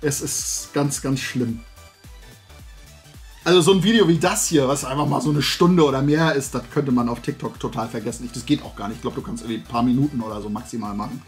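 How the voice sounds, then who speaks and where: A fast-talking middle-aged man with a medium-pitched voice hosts a toy and comics show. He chats to camera in a rambling, colloquial way from an indoor room lined with collectibles, as faint music plays behind him.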